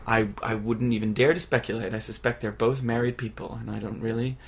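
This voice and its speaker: A man co-hosting a casual film-review podcast, chatty and animated, rambling with lots of fillers. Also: mid-range voice, fairly quick, vocal fry, husky. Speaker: podcast co-host.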